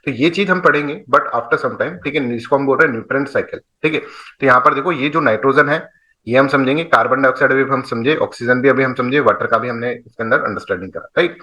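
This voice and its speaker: A man's voice: medium pitch, quick pace, sharp tone, low-quality recording. A man with an Indian accent giving a classroom lecture, explaining with playful back-and-forth dialogue and frequent checks that students follow. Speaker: teacher.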